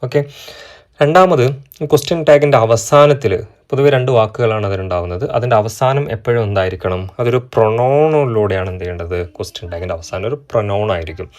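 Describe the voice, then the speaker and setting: A man teaching an exam-prep grammar lesson, asking the class questions and answering them himself, and spelling out example sentences very slowly. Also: lowish voice.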